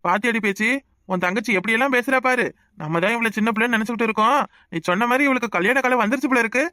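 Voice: mid-range voice, racing, pushed and bright, no echo, studio quality, natural voice. Someone voicing a bossy village uncle with a Kanyakumari accent. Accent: Kanyakumari Tamil. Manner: bossy but affectionate, scolding. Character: caring middle-aged village uncle, head of household. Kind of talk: cartoon voice acting.

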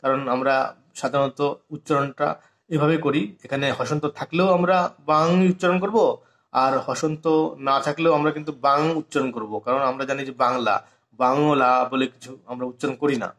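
A man's voice: mid-range voice, steady tone, fairly quick, a bit bright. A man teaching a harmonium lesson on reading notation, explaining step by step and stopping to sing short phrases and count out beats. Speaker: music teacher.

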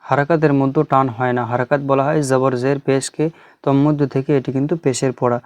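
A man teaching Quran reading, spelling out Arabic letters and vowel marks slowly one by one, then explaining the rules quickly. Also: medium pitch, flat delivery, a little mellow, clean tone, no echo.

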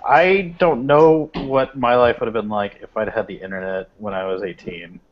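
A man's voice: mid-range voice, normal speed. Jokey man in his thirties on a call. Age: 30s. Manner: jokey, laughs often. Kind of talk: casual chat on a video call. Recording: lo-fi video call audio.

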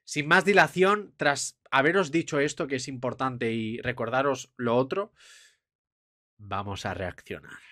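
A young man with a Spain Spanish accent, hosting an excited film trailer reaction, gushing and swearing. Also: mid-range voice, moderate pace, hardly any pauses, no echo.

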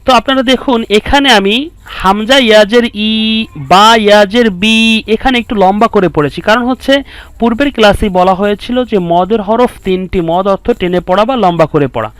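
A man teaching Quran reading online, explaining patiently step by step and drilling syllables slowly. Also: high-pitched, clear, resonant tone, dry recording. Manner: slow, drawn-out syllable drills.

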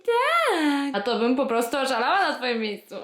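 A woman's voice: fairly high pitch, fast, echoey room. A woman vlogging at home, cooing at her dog in baby talk. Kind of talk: casual home vlog.

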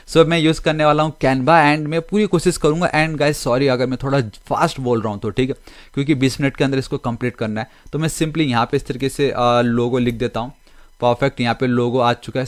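A man's voice: medium pitch, no echo. A man hosting a casual coding tutorial, chatting through his screen as he works and often mixing English into his Hindi. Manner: chatty Hindi-English code-switching, keeps saying okay and guys.

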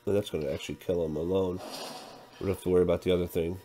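Deep-voiced man narrating a board game. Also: fairly even intonation, racing, a little hiss or hum. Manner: counts dice out loud, thinks through moves. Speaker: tabletop game player narrating a playthrough. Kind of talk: casual play-by-play, reading game text aloud.

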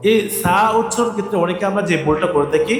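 A man's voice: sits high, fast talker, faint music behind. Man teaching Quran letters in an echoey hall. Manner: calls out each letter and has viewers repeat; draws out sung letter names. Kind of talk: slow step-by-step recitation lesson.

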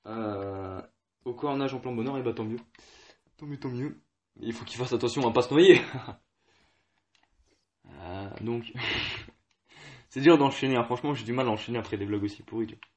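A young man with a French accent commentating his own football game casually, with slangy banter and bursts of shouting at big plays. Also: medium pitch, normal speed, long pauses. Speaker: gaming youtuber. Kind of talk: let's play commentary.

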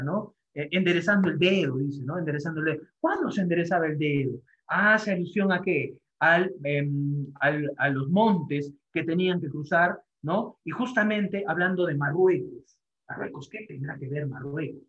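A man's voice: on the high side, a bit bright. A male teacher giving a classroom lecture, repeating phrases and tagging his sentences with rhetorical questions between many fillers. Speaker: literature teacher. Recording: echoey classroom, dull lo-fi sound.

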